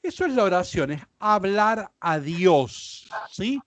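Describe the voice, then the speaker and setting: A man with a Rioplatense Spanish accent teaches a Bible class as a priest, speaking slowly in a high, lively voice. He explains patiently and keeps asking his listeners whether they follow. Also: no echo. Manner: explanatory, frequent checks like ¿sí? and ¿ven?.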